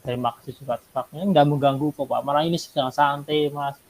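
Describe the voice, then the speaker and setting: A man's voice: fairly high pitch, fairly even intonation, fast talker, darkish tone, poor audio. A man coaching a fellow teacher in a role-played chat, polite and affirming.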